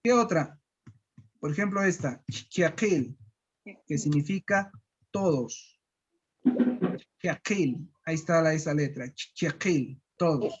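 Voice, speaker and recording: Un profesor de Guatemala que enseña pronunciación con calma, repitiendo sílabas despacio. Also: mid-range voice, dull audio. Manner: patient, repeats syllables slowly. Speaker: language teacher. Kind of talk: slow pronunciation lesson.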